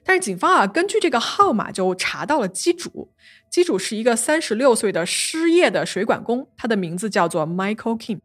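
A woman's voice: fairly high pitch, fairly quick, slightly rough. A woman hosting a podcast, walking listeners through a true-crime case in a storytelling manner. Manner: lively narration, translating quotes into Chinese. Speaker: podcast host.

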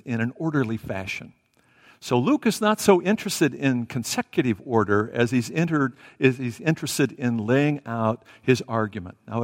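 This sermon, complete with Bible reading and prayer, comes from a male preacher whose medium-pitched voice he himself calls loud. Speaking through a headset mic in a church sanctuary with a long, reverberant echo, he keeps a casual, halting delivery marked by fillers and restarts.

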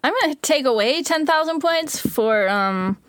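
A woman's voice: high-pitched, expressive, normal speed. A woman co-hosting a podcast in casual chat, playful and teasing, swearing now and then. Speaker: podcast co-host.

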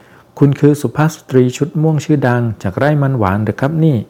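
A man voicing an eager young male assistant in a children's storybook, excitable and admiring. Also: medium pitch, brisk, close to an everyday voice. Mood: excited.

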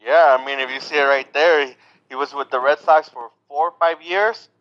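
A man co-hosting a casual sports podcast, relaxed and self-assured, often repeating himself. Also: fairly high pitch, brisk. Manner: relaxed, self-assured, repeats words and says yep a lot. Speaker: podcast co-host. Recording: dull lo-fi sound.

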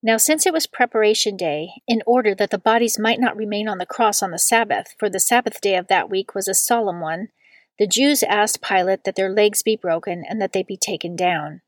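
Female scripture reader, mid pitch, measured and deliberate, dry booth sound. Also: dry recording. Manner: slow and deliberate on quoted words. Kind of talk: measured liturgical reading.

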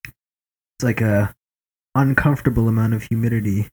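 A man's voice: lowish voice, fairly even intonation, moderate pace, darkish tone. A man co-hosting a podcast, talking in casual, profane, joking banter. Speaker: podcast co-host.

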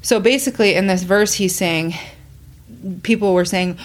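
A woman's voice: mid-range voice, normal speed. A woman co-hosting a faith podcast, talking in an earnest, rambling way with restarts. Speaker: podcast co-host. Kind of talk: casual faith chat.

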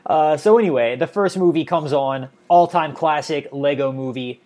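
A man's voice: a little high, normal speed. A man co-hosting a casual podcast, laughing a lot while he explains his picks. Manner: laughs often, relaxed and rambling. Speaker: podcast co-host. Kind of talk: casual chat.

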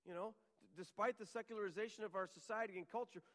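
A man's voice: high voice, fairly even intonation, fast, fairly bright tone, big-room sound. A man preaching a sermon as a pastor, earnest, with frequent restarts and repeated words.

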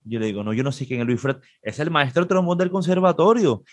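A man's voice: fairly high pitch, fast, dry recording. A man from Peru with a Peruvian Spanish accent, a guest telling a casual anecdote and acting out the other people's lines in a raised voice. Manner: animated, acts out quoted dialogue in a raised voice. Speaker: interview guest, trombonist.

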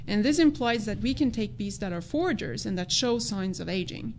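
A woman who grew up in Norway, a biologist answering interview questions in a measured, explanatory way. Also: medium pitch, animated, slight background noise. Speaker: biologist guest.

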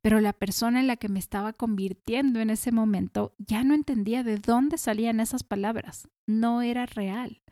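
A woman's voice: fairly high pitch, moderate pace, hardly any pauses, warm tone, dry recording, studio quality. A woman in her thirties with a Latin American Spanish accent, hosting a podcast. She reads a reflective monologue and speaks straight to her listeners. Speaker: podcast host.

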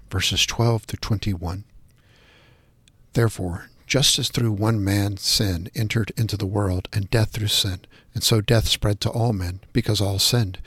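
A man reading scripture passages and prayers aloud in a measured, reverent devotional style. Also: fairly low pitch, breathy edge, no room sound.

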